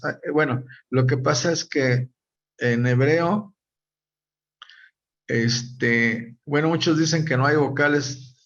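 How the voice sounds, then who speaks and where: Slow, halting preacher man. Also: mid-range voice, fairly bright tone, lo-fi sound. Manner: slow and halting, many fillers, addresses listeners as brothers. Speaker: Bible study preacher. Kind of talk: informal Bible teaching.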